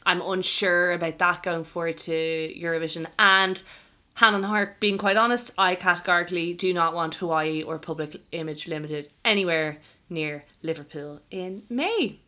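Irish woman cohosting a chatty podcast, bright upbeat voice. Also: fairly low pitch, moderate pace. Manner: chatty, enthusiastic. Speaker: podcast co-host. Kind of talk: casual podcast chat.

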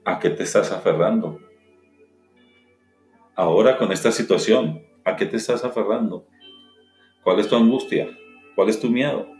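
A man's voice: on the low side, moderate pace, long pauses, a little mellow. A man telling a dramatic story with a moral and then urging listeners to act on it. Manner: dramatic, exhorting. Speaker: motivational speaker. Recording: roomy with faint music.

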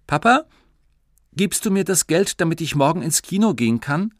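A man's voice: fairly high pitch, very animated, moderate pace, no room sound, studio quality, voice pushed up. A man voicing a cheeky little schoolboy who pleads and wheedles. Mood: pleading. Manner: whiny, wheedling.

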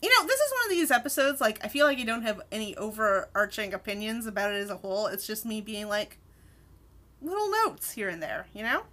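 Steering the discussion on her podcast, a woman of medium pitch talks a little fast as she reviews a cartoon episode. She co-hosts in a casual, animated, enthusiastic way.

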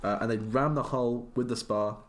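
A man's voice: medium pitch, fairly even intonation, moderate pace. A man co-hosting a comedy podcast, telling a history story in a playful, stop-start way. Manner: playful, self-interrupting, restarts often. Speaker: podcast co-host.

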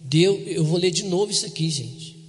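High-voiced pastor preaching in a hall. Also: male voice. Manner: reads scripture slowly, repeats words, asks the congregation to respond. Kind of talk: sermon. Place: church broadcast on radio. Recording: long hall reverb.

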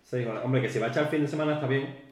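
A man's voice: mid-range voice, racing. Joking man, echoey room. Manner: joking, animated storytelling with put-on quoted voices. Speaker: podcast co-host. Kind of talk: casual chat. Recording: roomy echo.

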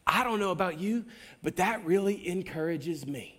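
A man giving a sermon as a pastor, preaching energetically with wide swings in pitch and loudness and talking straight to the congregation. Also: expressive, normal speed. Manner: addresses the congregation directly, with asides and a coaching tone.

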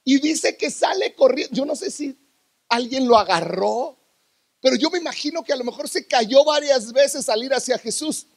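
A man preaching a sermon to a congregation in a church, dramatic, swinging from loud bursts to hushed lows. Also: lively intonation, moderate pace, creaky.

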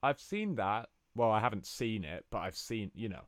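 A man's voice: lowish voice, expressive, normal speed, dry recording. A man co-hosting a podcast in casual chat with a dry, teasing manner. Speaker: podcast co-host.

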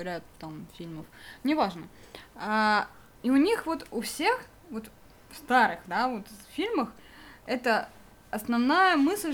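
A young adult woman co-hosting a casual nostalgic chat, rambling with plenty of fillers and quick laughs. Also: fairly high pitch. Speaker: podcast co-host.

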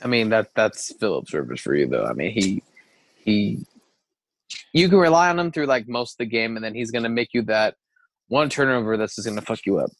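A man co-hosting a casual sports podcast, excitable and profane, getting loud and passionate as he makes his picks. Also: lowish voice, brisk, no echo, low-quality recording. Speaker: podcast co-host.

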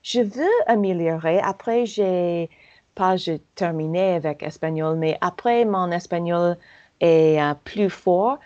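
An American woman whose first language is English speaks slowly and deliberately in a non-native language, pausing often to find words. Her slightly low, darkish voice is filled with fillers and restarts, giving the halting sound of a learner in conversation. The recording is dull and lo-fi.

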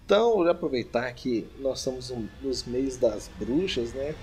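A man's voice: medium pitch, a little slow, mellow, slight background noise. A young man with a Brazilian accent hosting a podcast, joking and teasing in casual chat. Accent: Brazilian Portuguese. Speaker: podcast host.

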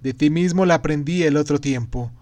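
A man's voice: fairly high pitch, a little fast, darkish tone, dry recording, natural voice. A man reading aloud and voicing a sly, mocking male figure with emphatic taunts. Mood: taunting. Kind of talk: audiobook reading.

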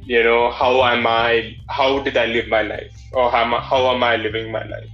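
A man with a Malayali Indian English accent telling his own story as an interview guest, in a halting way with plenty of filler phrases. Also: medium pitch, flat delivery. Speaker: interview guest, drag performer. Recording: dull lo-fi audio with music.

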